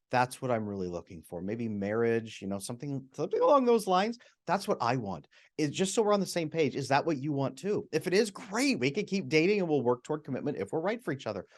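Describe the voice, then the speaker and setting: An American man, a retired psychotherapist, is a guest on a podcast, giving long, animated explanations. He often acts out the people he quotes, his pitch leaping suddenly upward.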